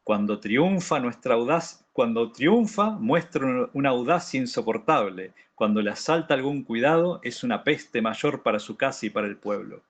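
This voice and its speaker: A man reading aloud the lines of a stern ancient male king scolding, with measured emphasis. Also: medium pitch, expressive.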